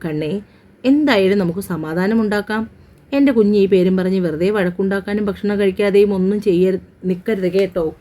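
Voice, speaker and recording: A woman voicing an affectionate young husband who gently coaxes and scolds his wife. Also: high voice, fairly quick, lightly acted. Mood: soothing. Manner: gentle, coaxing, fond scolding.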